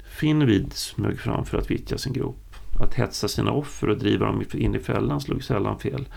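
A man narrating a story audiobook-style in a steady, unhurried way. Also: on the low side, gravelly, slightly rough.

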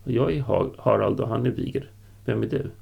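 A man's voice: mid-range voice, creaky, breathy edge, muffled recording. A man voicing a blunt, impatient Danish warrior who speaks curtly and urgently, in an audiobook. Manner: curt, urgent.

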